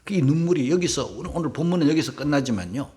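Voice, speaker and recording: A man preaching an emotional sermon as pastor, swinging from cries to hushed whispers and asking the congregation for assent. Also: a little high, expressive, fast talker.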